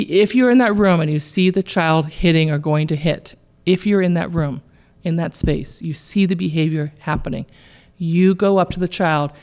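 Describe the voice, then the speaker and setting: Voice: mid-range voice, creaky. A parenting coach giving emphatic advice in a coaching conversation, repeating key phrases and acting out what a child or parent would say.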